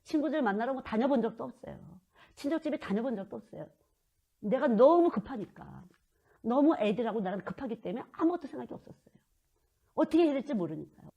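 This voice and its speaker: A middle-aged woman delivers a sermon, speaking earnestly and slipping into pleading prayers to God. Her voice sits fairly high and has a mellow, soft tone. The recording sounds a little dull and muffled. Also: animated, quick pace. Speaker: children's missionary preacher.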